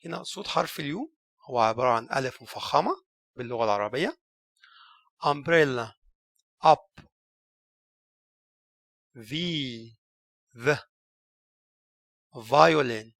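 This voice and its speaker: A man's voice: medium pitch, creaky, a bit bright, no room sound. A man with an Egyptian Arabic accent teaching English letter sounds, saying each letter and word and then explaining it. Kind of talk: recorded language lesson.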